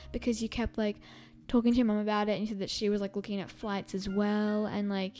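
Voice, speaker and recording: A woman's voice: mid-range voice, little pitch movement, quick pace, mellow. A young woman from Australia hosting a podcast, chatting casually and rambling with many fillers and laughs. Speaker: podcast host. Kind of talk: casual chat.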